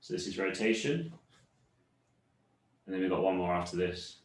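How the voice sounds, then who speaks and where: Calm man leading a seated cool-down. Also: deep voice, moderate pace, echoey room, poor audio. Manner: calm, explanatory, self-correcting. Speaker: fitness instructor.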